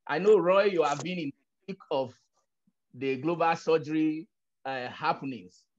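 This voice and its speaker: Chairing a panel discussion over a video call, a man with a fairly high voice speaks hesitantly at normal speed, using many fillers. He's on a laptop camera, and the video call audio sounds dull, with a noisy background.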